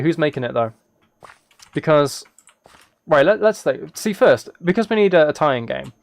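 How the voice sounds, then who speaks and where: On a livestream, a man rambles casually to his viewers, thinking aloud and frequently restarting his phrases. His voice is on the high side and creaky, with keyboard typing and clicking in the background noise.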